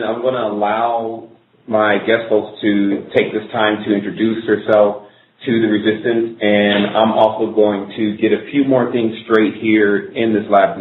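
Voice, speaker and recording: On a live internet radio show broadcast from an office in a corporate building, a man with a lowish voice rambles loosely while fixing technical problems on air. The sound is echoey and tinny, like a phone line, with slight background noise.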